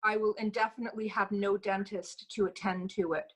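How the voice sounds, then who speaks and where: A woman's voice: medium pitch, level tone, a little fast. A woman talking casually and hesitantly as a participant, her speech affected by missing front teeth. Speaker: event participant. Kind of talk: casual questions and sharing.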